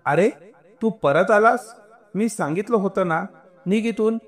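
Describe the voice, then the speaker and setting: A man voicing a gruff, irritated middle-aged hotel guard who shouts scornfully in a spoken story. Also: on the high side, animated, normal speed, close to an everyday voice. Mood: angry, mocking.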